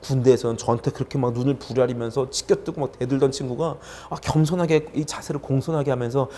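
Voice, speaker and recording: A young adult man preaching a sermon as a youth pastor, telling a personal story in an animated way and acting out his own quoted words. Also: medium pitch, fast.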